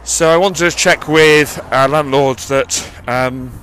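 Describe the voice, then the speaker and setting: This man's voice sits on the high side and sounds a bit bright, and he takes his time. He's a vlogger walking by a busy road with a cupped handheld mic, rambling and self-correcting through an audio diary and panting as the road goes uphill. Traffic passes throughout the outdoor street recording.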